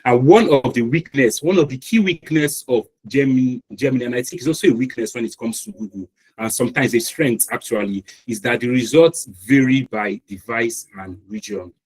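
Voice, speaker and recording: Nigerian guy teaching an online class, kinda husky voice, lots of ums and restarts. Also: mid-range voice, normal speed, a little mellow, rough recording. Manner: explanatory, with frequent restarts and fillers. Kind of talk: live online lecture. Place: online meeting call.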